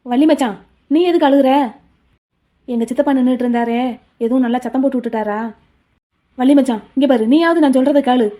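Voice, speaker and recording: A woman's voice: high-pitched, fairly quick, pauses often, lightly acted. Woman voicing a frantic young college guy. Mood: indignant. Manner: loud, pleading, rambling. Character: excitable young male college student.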